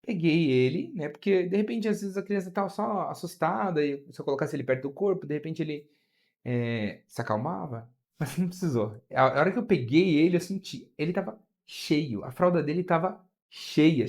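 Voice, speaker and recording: A man with a Brazilian Portuguese accent, a flight attendant guest telling a story in an interview, his voice climbing as the story builds. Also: moderate pace. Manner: animated, pitch rising as the story builds.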